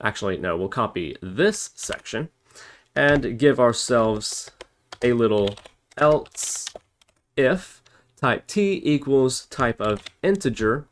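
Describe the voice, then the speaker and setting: Over noisy typing and mouse clicks, a man takes his time through a casual step-by-step programming lesson. His medium-pitched voice is animated as he thinks aloud while typing and catches his own errors.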